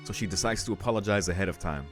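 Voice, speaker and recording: A male let's-play host reads visual novel narration aloud in a rapid-fire rush. His voice is quite low, and soft music plays in the background.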